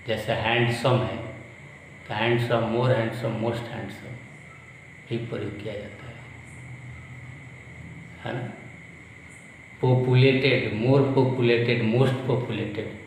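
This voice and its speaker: A male school teacher with a north Indian accent, giving a classroom grammar lesson and slowly repeating each word form in a drill. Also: mid-range voice. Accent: Hindi-speaking north Indian. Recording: very echoey room with long reverb, faint noise.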